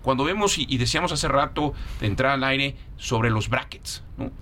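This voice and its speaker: Man, lively pitch, emphatic guest. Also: normal speed, slight background noise. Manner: emphatic, animated. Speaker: foundation guest. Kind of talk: casual chat.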